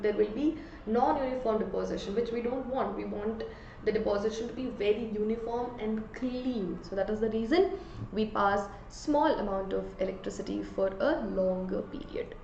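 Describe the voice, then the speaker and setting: A woman's voice: medium pitch, moderate pace, a little mellow, slight background noise. A woman with an Indian accent teaching an exam revision lesson, explaining by asking questions and answering them herself. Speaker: chemistry teacher. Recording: echoey room, slightly dull sound.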